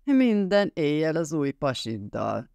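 A man voicing a drunk, violent, jealous husband who snarls and yells his threats, raised and loud against his own reading voice. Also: fairly high pitch, sing-song, gravelly, clean tone, no room sound, clean studio sound. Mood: drunk raging. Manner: snarling, yelling, slurring threats.

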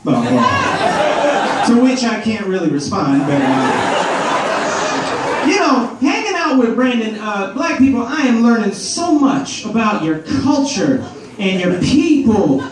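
A young man performing stand-up comedy on a large theater stage with a handheld mic, animated and slipping into character voices. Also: high-pitched, slow. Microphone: handheld mic, filmed from the audience. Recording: roomy echo, far from camera, loud crowd noise. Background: laughing crowd.

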